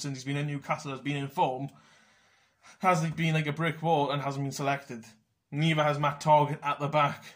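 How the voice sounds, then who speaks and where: A man's voice: on the high side, a bit bright. A young man ranting casually about football selections, blunt and sweary. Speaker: football fan vlogger.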